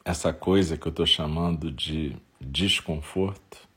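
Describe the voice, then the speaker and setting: A man with a Brazilian accent and a husky voice leading a guided meditation in short, unhurried phrases with long pauses. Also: very deep voice, fairly bright tone.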